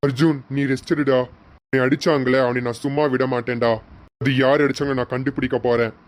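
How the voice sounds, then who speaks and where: A man voicing a protective older brother in a homemade serial, speaking slowly and reassuringly. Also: medium pitch, fairly even intonation, lightly acted.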